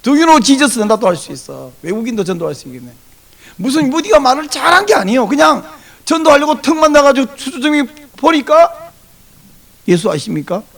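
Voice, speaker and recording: A man's voice: extremely high pitch, brisk, vocal fry. A male pastor giving a Sunday sermon, telling stories animatedly and acting out bits of dialogue in different voices. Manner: animated storytelling, acts out dialogue in varied voices.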